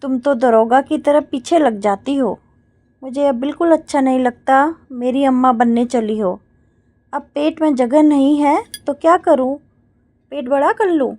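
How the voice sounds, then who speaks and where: A woman's voice: high voice, measured pace, darkish tone, dry recording. Woman doing a sulky childish old mother. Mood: stubborn. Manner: petulant, childish demands.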